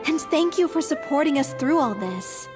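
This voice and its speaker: A high, earnest young performer. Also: female voice, expressive. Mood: earnest, polite. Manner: polite, sincere, measured. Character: earnest, polite, grateful stage performer. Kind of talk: voice-acted game dialogue. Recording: long reverb, music behind.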